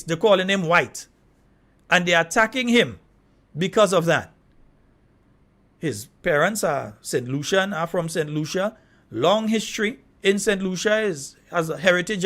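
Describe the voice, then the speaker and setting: A high-pitched man from Trinidad who speaks. He hosts a call-in radio show. His commentary is animated and indignant, and he breaks into laughing asides. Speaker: radio talk show host.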